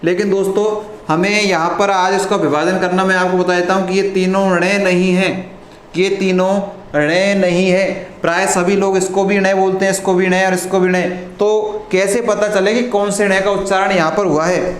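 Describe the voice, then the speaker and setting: A man teaching a live online lesson, asking the class questions and answering them himself, often clearing his throat. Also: high voice, little pitch movement, normal speed. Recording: echoey room with faint noise.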